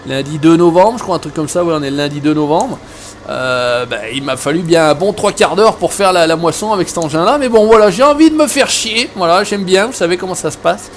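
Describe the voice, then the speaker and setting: A rambling, joking man from Savoie, France, talks his way through a farming game from home, his voice sitting a touch high for a man. He restarts sentences often and fills gaps with easy fillers, with a faint hiss of noise under his voice. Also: fairly quick. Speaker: gaming video host. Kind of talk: casual let's-play chat.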